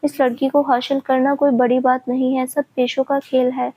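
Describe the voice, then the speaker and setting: A woman's voice: high-pitched, flat delivery, moderate pace, mellow, slight background noise, close to an everyday voice. A woman voicing a mocking young male college bully who speaks with contempt. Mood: sneering. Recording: dull lo-fi recording.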